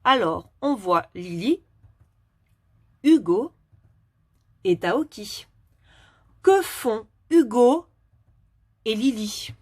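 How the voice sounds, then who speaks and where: A woman teaching a phonics lesson to young children, asking questions patiently and clearly articulating each word. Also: on the high side, expressive, extremely slow, pauses often, no echo, studio quality.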